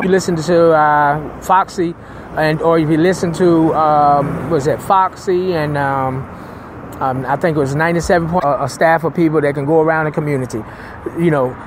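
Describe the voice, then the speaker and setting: A man's voice: sits high, slight background noise. A middle-aged man with a Southern US accent, a pastor hosting his own radio talk show in a loose, rambling way with many restarts and amens. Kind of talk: casual talk radio monologue.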